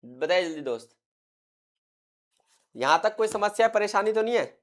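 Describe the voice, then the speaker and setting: A man's voice: high voice, animated, normal speed. A man teaching an exam-prep lecture, constantly asking the class questions, answering them himself, and repeating key terms for emphasis. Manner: quizzes students constantly, answers his own questions.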